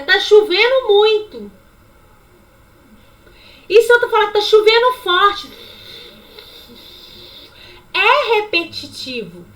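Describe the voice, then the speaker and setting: A woman teaching a sign language lesson online, demonstrating with lively, repeated examples. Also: extremely high pitch. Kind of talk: online lecture. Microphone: webcam.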